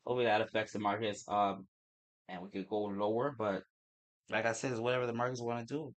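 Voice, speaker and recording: On a trading livestream, a young man with a mixed Turks and Caicos Creole-English and American accent talks rapidly and informally. He swears and keeps restarting his sentences. His pitch is fairly low and his delivery flat.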